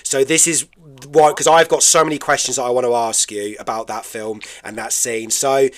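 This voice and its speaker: A man's voice: medium pitch, steady tone, moderate pace, fairly bright tone. A British man hosting a radio interview show, chatty and enthusiastic, often laughing.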